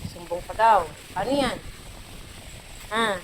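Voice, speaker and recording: A woman's voice: medium pitch, a little slow, noisy background. A woman from the Philippines, feverish and unwell, vlogging at home and coaxing her cat in playful baby-talk with frequent giggles. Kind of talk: casual home vlog talk. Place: at home indoors.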